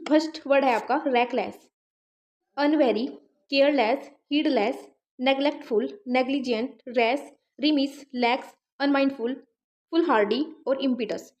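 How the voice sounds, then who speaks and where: A woman's voice: high voice, a little slow, darkish tone, a little hiss or hum. A woman teaching an exam-prep vocabulary lesson, explaining words with memory tricks and often checking that students follow. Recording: dull, lo-fi sound.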